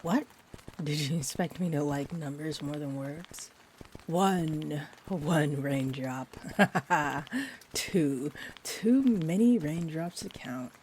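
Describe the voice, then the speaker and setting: Steady rain murmurs faintly behind a woman voicing a friendly vampire bartender, a sweet rambler who appears twenty-four. Her low, slow delivery is tender and slightly hesitant, wandering into whimsical asides in this intimate, dreamy, playful comfort roleplay. There is slight background noise.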